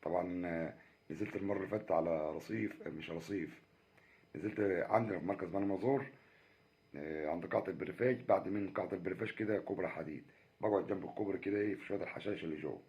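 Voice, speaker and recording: Egyptian guy, low voice, talks quick, chatty fishing vlog by the river, dull lo-fi sound. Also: a little mellow, breathy edge. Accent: Egyptian Arabic. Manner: chatty, keeps addressing viewers with pious exclamations. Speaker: fishing vlogger. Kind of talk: casual fishing vlog commentary. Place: outdoors on a Nile riverbank.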